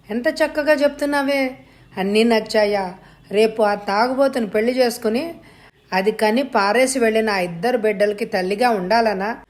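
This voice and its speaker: A woman's voice: on the high side, darkish tone, natural voice. A woman voicing a stern, worried middle-aged mother who scolds sharply in an audiobook story.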